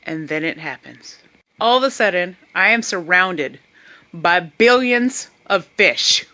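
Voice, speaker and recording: A woman's voice: on the low side, takes it slowly. A young woman animatedly telling a comic travel story to her camera. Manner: animated, puts on voices for others. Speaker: vlogger. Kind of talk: casual storytelling.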